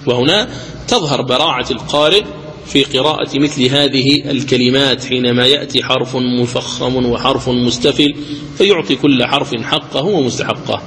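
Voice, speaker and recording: A male recitation teacher giving a deliberate lecture, repeating each rule and slowing down to chant the examples. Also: medium pitch, a bit bright, in a large hall, slight background noise, low-quality recording. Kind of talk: explanatory lecture on recitation rules.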